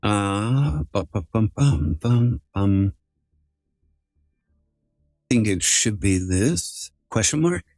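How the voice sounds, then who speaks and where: Dude on a voice changer, lowish voice, dry close sound, rambly casual stream chatter. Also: male voice, expressive, slow pace, pauses often, a little mellow, no echo, faint music behind. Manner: rambling, filler-heavy, restarting sentences. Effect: voice changer altering his voice. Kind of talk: casual live-stream chat.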